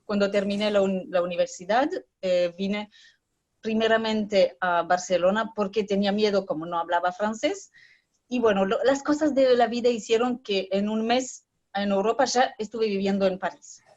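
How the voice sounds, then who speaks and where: A woman in her forties, an orchestra conductor born in Brazil, speaking thoughtfully in a halting way with slips of French. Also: medium pitch, darkish tone, highs cut off. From born in Brazil, raised in Israel and Argentina. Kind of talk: remote interview.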